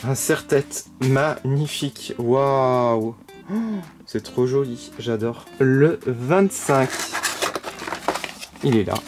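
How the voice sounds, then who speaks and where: A man's voice: mid-range voice, slow. A man giving casual unboxing commentary as a toy vlogger, gushing with frequent delighted exclamations. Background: background music.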